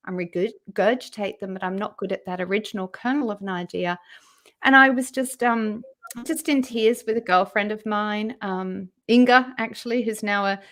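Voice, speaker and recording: Animated woman telling her story. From Australia. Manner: animated, raises her voice high when quoting people. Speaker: interview guest. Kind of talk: conversational storytelling interview.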